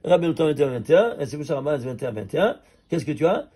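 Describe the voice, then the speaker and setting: A man, a rabbi, teaching an animated Torah class, pressing his listeners with rhetorical questions and chuckling with excitement over number calculations. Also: on the high side, quick pace, slight background noise.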